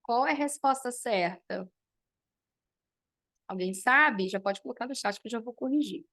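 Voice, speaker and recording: A woman's voice: on the high side, normal speed, pushed and bright. A woman teacher, teaching an online class and explaining step by step while checking in with her students.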